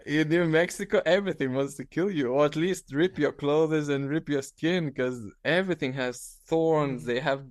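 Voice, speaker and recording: Lithuanian-accented man in his thirties, halting. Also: fairly high pitch, no room sound, clean studio sound. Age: 30s. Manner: halting, restarts often, laughs easily. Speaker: guest, ultra-distance cyclist. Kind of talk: casual interview on video call. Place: small room at home, indoors.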